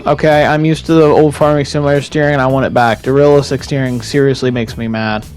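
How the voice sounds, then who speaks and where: A man's voice: mid-range voice, flat delivery, fast talker, darkish tone, soft background music. A young man giving casual, rambling commentary over his own farming game footage, swearing freely and restarting his sentences. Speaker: gaming YouTuber.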